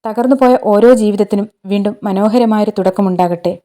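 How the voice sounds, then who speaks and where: A woman narrating a scripted emotional story in a calm, measured reading. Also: medium pitch.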